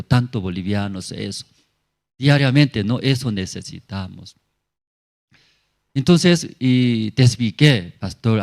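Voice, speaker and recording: A man's voice: on the low side, darkish tone. A male pastor giving a sermon testimony in simple, broken phrasing, often checking in with tag questions. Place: church in La Paz.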